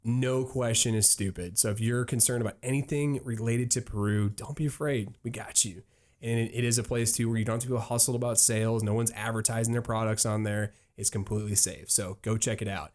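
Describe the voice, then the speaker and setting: A man's voice: lowish voice, fairly even intonation, a little fast, darkish tone. A man hosting a travel podcast in a casual, upbeat, joking tone. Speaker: podcast host.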